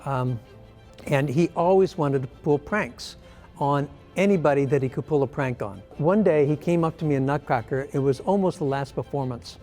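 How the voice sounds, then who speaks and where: A man's voice: a little high, moderate pace, soft background music. An older man, a former artistic director of a ballet company, telling a funny backstage story with plenty of "um" fillers over a video call. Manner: animated storyteller, lots of "um" fillers. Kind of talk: casual anecdote in a conversation.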